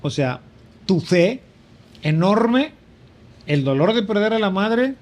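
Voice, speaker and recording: A man's voice: high-pitched, sing-song, takes it slowly. A man, a priest sharing a conversational spiritual reflection and rising for emphasis. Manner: reflective, with frequent fillers and emphatic rises.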